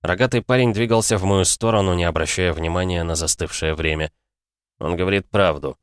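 A man narrating fiction for an audiobook in a measured, dramatic way, on a close mic. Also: low voice, steady tone, clean tone, dry recording.

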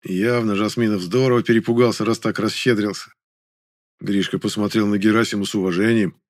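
A man's voice: lowish voice, steady tone, a little fast. A man reading a first-person audiobook story aloud, with a dry, ironic manner. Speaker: narrator.

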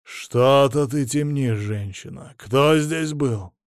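A man playing a gruff, explosive middle-aged man. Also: mid-range voice, slow, no echo, studio quality, lightly acted. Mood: grumbling. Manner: gruff, shouting, grumbling. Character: irritable middle-aged man, a suspected widower, quick to explode.

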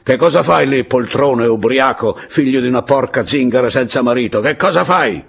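A man voicing a fierce, bossy middle-aged peasant woman in an audiobook, with a husky voice and a blunt, commanding manner. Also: on the low side, lively intonation, moderate pace, darkish tone, voice pushed up. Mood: scolding.

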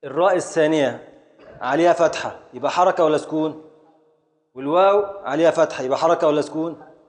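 A man with an Egyptian Arabic accent leads a classroom lesson in a somewhat high-pitched voice. He drills his students with short, repeated questions and works through each point one step at a time. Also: fast talker, in a large hall. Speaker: teacher.

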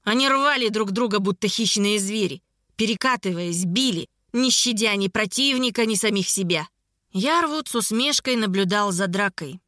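Bright-voiced woman reading a fantasy novel. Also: mid-range voice, no echo, studio quality. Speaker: audiobook narrator. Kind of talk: scripted fantasy narration.

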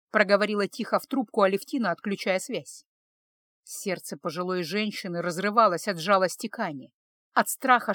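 A woman narrating a dramatic story in an expressive, emotional way. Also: mid-range voice, no room sound. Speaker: audiobook narrator.

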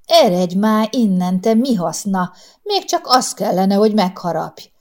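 A woman voicing a gruff, grieving old widower who grumbles his lines in a spoken storybook. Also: medium pitch, expressive, close to an everyday voice. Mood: grumpy. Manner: grumbling, curt.

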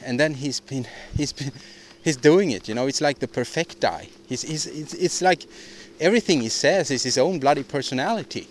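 A man's voice: medium pitch, moderate pace, hardly any pauses, slight background noise. Male podcast host, solo monologue; rambling, opinionated, frequent restarts and repeats. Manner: opinionated, ranting delivery.

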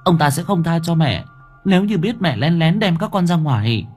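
A man voicing a frightened young pregnant woman who stammers as she gently soothes ghosts. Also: a little high, big pitch swings, moderate pace, breathy edge, soft background music, pitched above the performer's own voice. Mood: pleading.

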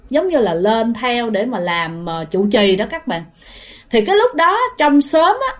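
A woman with a Southern Vietnamese accent telling a ghost story in a chatty, casual way, often speaking to her listeners directly. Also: fairly high pitch.

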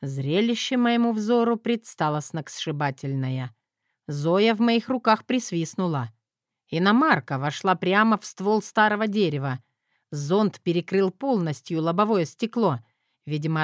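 Woman reading an audiobook, low-pitched and dry. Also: no echo. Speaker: audiobook reader. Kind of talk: scripted first-person narration.

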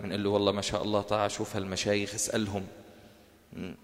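A man's voice: on the low side, little pitch movement, racing. A male teacher with a Levantine Arabic accent gives a colloquial religious lecture, putting questions to his class and answering them himself. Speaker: Quran course teacher. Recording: reverberant hall.

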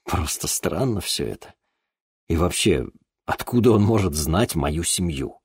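Quiet teen boy, read by a man; low, lively phrasing, audiobook. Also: a little slow, husky, no room sound, clean studio sound, exaggerated voice. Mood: subdued. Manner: indignant, then subdued. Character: teenage boy, proud, quick to take offense. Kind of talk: audiobook character voice.

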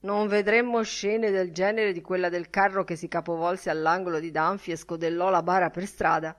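A sensible, pious middle-aged Dublin man who speaks in measured tones, as a woman reading an audiobook voices him. His voice sits in a lowish register. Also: fairly even intonation, natural voice. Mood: matter-of-fact.

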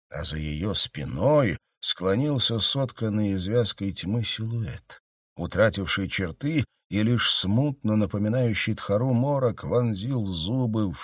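Low-voiced male fantasy audiobook narrator. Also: no echo, studio quality.

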